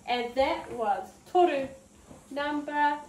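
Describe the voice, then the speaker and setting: Teaching small children during story time, this high-voiced New Zealand woman keeps things interactive inside the preschool room. Her delivery is bright, warm, and singsongy, with long drawn vowels. It sounds captured from afar, spacious and noisy.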